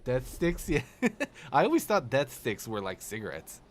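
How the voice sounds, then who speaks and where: A man ranting on a live game stream, animated, sarcastic and full of swearing. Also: mid-range voice, normal speed, slight background noise. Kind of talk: casual live-stream rant.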